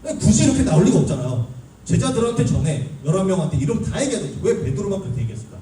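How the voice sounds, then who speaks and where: Animated young male youth preacher, echoey hall. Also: sits high, rapid-fire. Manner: animated, asks the listeners questions. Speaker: youth pastor. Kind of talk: sermon to a youth group. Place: church hall. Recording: echoey room, mic at a distance, faint hum.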